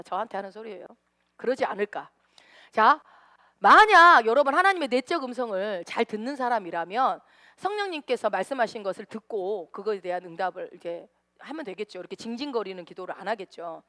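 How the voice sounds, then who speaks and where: A woman's voice: on the high side, pushed and bright, dry recording, studio quality. A woman pastor preaching a sermon in a church, acting out prayers and asking the congregation questions. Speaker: senior pastor.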